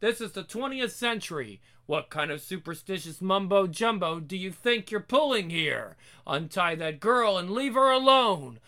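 A man's voice: sits high, expressive, normal speed, hardly any pauses, pushed and bright, heavily acted. A man playing a nervy, indignant city filmmaker in a horror story, dramatic and exclamatory.

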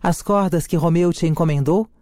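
Reader doing a passionate young noblewoman, slow declamatory delivery, mellow tone, dry sound, read from a play. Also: medium pitch, dry recording, lightly acted. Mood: longing. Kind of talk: dramatic reading of a play.

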